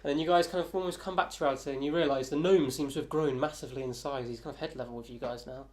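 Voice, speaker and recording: A man's voice: mid-range voice, steady tone, racing, darkish tone. A man narrating as game master of a tabletop game, loose and chatty, often laughing.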